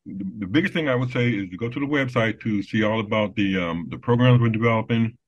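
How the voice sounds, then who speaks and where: A man talking as an interview guest, speaking haltingly with many fillers and restarts. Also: lowish voice. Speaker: business development guest. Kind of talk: casual interview talk. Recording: dull lo-fi sound.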